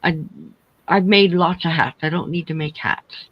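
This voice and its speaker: A woman's voice: fairly low pitch, moderate pace, dull audio. A woman hosting a casual crochet livestream, chatting in a rambling way, speaking without her teeth in. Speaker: host of a crochet chat livestream.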